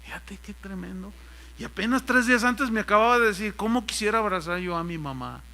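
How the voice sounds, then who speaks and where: An older man preaches with a Mexican accent, his voice pitched high and ringing very bright. He tells homely stories in his sermon and acts out the people in them. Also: brisk. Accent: Mexican Spanish. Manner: folksy storytelling, mimics voices in anecdotes. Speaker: pastor.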